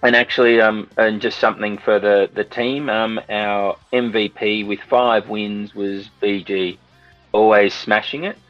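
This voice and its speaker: A man's voice: on the low side, little pitch movement, measured pace, lo-fi sound, soft background music. A middle-aged man hosting a casual podcast chat in an informal way. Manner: informal, says mate. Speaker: podcast host.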